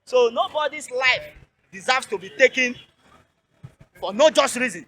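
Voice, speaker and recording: A man's voice: extremely high pitch, lively intonation, unhurried, fairly bright tone. A Nigerian man giving an impassioned roadside interview outdoors, driving his points home and repeating key phrases. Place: outdoors by a road.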